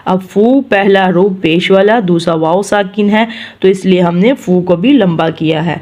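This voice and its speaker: A woman teaching tajweed, reciting words slowly and drawn out, then explaining patiently. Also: mid-range voice, darkish tone. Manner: patient, repeats each word slowly, drawn-out recited syllables.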